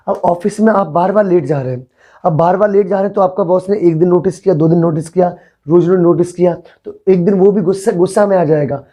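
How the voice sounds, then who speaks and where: Mellow-voiced male vocabulary teacher. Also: high-pitched. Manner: explains patiently, repeats words, often asks the class if they follow. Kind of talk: classroom vocabulary lesson.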